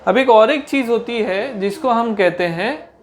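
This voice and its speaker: A woman teaching grammar. She keeps asking rhetorical questions and answering them, and slows down for definitions. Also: a little high, a little hiss or hum. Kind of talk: grammar lesson.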